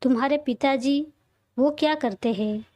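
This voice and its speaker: A woman voicing a brisk middle-aged mother who is firm with her daughter, in a read-aloud audio story. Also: high voice, darkish tone, no echo.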